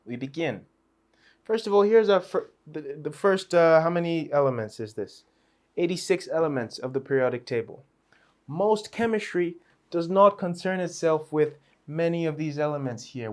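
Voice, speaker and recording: A man's voice: fairly high pitch, a little mellow. A man teaching a chemistry revision lesson in a playful, chatty way, with asides and small laughs.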